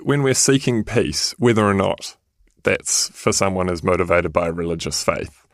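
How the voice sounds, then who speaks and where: A man interviewing a guest, asking questions in a measured, thoughtful way. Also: low voice, lively intonation, dry recording, studio quality. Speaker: podcast producer and interviewer.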